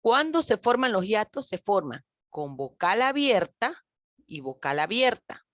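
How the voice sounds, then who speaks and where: A woman teacher giving a recorded grammar lesson, speaking slowly and emphatically, stretching key words and addressing her pupils directly. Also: medium pitch, very animated, no room sound.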